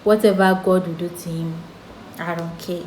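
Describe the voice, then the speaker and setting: A woman's voice: on the low side, steady tone, moderate pace, darkish tone. A young woman with a Ghanaian English accent telling a storytime vlog in a chatty way, laughing off serious things. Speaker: vlogger. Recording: echoey room with faint background noise.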